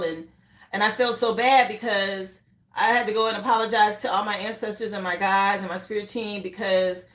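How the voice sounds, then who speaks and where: A woman's voice: medium pitch, fairly bright tone, roomy sound. A woman giving a live tarot reading, talking straight to her viewers with emphatic, repeated reassurances. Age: adult, mother of children. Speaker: tarot reader.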